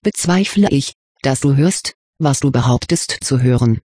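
Reader doing croaky weary young witch. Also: medium pitch, animated, normal speed, mellow, no echo, studio quality. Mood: grumbling. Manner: croaky, grumbling. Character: weary teenage witch girl, sharp-tongued. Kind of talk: audiobook reading.

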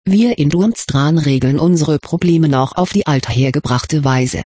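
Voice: mid-range voice, measured pace, darkish tone, breathy edge, no echo, studio quality. A reader voicing a mocking, arrogant older teenage boy from a foreign school, in a storybook reading. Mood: scornful. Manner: mocking, condescending.

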